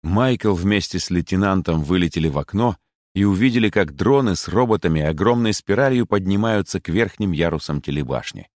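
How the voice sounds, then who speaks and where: A man narrating an audiobook story in an expressive, measured way. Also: low-pitched, no echo, clean studio sound.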